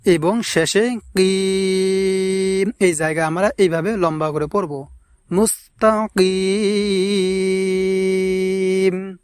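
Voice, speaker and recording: Very slow, smooth recitation teacher. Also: medium pitch, steady tone, darkish tone, dry recording, clean studio sound. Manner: drawn-out chanted recitation, then patient step-by-step explanation to viewers. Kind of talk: pronunciation lesson, recitation with explanation.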